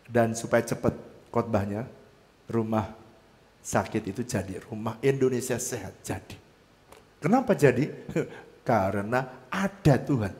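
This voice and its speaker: A man preaching a sermon as pastor, telling his story with swings between loud and soft delivery. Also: medium pitch, animated, measured pace, pauses often. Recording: long hall reverb.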